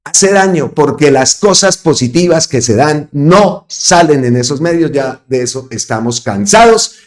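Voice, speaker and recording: A man's voice: fairly high pitch, animated, a little slow. Emphatic man giving commentary. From Colombia. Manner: emphatic, repeats phrases for stress. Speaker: host of an online political channel. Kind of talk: political commentary monologue.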